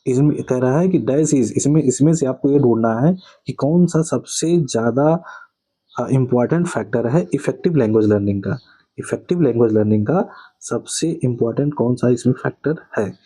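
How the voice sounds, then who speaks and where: A man with a Hindi accent teaching an exam-prep lesson, reading out test questions, explaining answers and often asking "clear?". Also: mid-range voice, warm tone, rough recording. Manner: asks "clear?" after each answer, repeats key words as questions.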